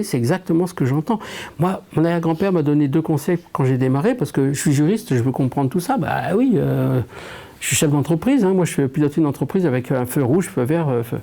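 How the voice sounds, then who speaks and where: A man's voice: on the high side, gravelly, warm tone. A French man working as a medium, chatting and joking with an audience. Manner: chatty, joking, drops to a whisper. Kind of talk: public medium session.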